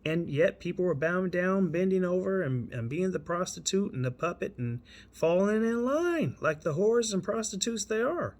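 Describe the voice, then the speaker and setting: A man's voice: sits high, expressive, normal speed, hardly any pauses, darkish tone. A man, an evangelist, giving an indignant, preachy rant in a commentary vlog.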